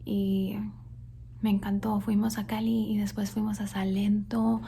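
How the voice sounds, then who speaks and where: A woman's voice: medium pitch, level tone, a little slow, gravelly, a little hiss or hum. Whispering Colombian-born woman, ASMR ramble. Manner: soft whisper, switching between Spanish and English, repeating words for tingles. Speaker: ASMR creator. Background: faint thunderstorm sounds.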